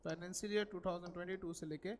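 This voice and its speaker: A man's voice: high voice, steady tone, very fast, a little mellow, a little hiss or hum. Male coaching teacher, lecture style, asks and answers his own questions, English, long hall reverb. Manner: repeats key figures, asks questions then answers them. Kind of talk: classroom lecture. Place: coaching classroom.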